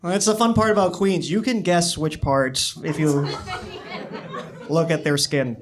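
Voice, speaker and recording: A young man doing a stand-up comedy set in a small club, talking into a handheld microphone with a dry, understated delivery and halting restarts. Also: a little high, steady tone, crowd noise. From born in China, raised in the US. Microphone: handheld stage microphone.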